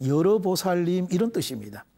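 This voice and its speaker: High-voiced man teaching Buddhist scripture. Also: sing-song, creaky, mellow. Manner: deliberate, measured, leads call-and-response repetition. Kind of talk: devotional prayer and explanatory dharma lecture.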